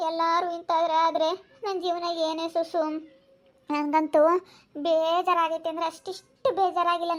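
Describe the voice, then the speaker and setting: A high, bright voice from a woman acting out a village woman weighed down by sorrow. She has a rural central Karnataka accent. Her words come in slow, lamenting repetitions broken by sighs, as in a homespun family drama. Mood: despairing. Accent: rural central Karnataka Kannada. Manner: lamenting, sighing, repetitive speech. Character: grieving village woman, betrayed by her brother.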